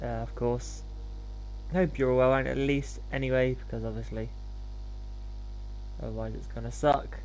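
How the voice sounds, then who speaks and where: A man's voice: medium pitch, flat delivery, normal speed, long pauses, darkish tone, slight background noise, low-quality recording. A man hosting a gaming livestream, talking in an informal, laid-back, self-deprecating way as he commentates. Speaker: live streamer hosting gameplay.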